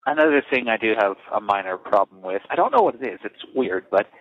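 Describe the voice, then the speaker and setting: A man talking casually on a recorded prison phone call, calm and matter-of-fact. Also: on the low side, fast talker, dry recording. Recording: muffled lo-fi phone line.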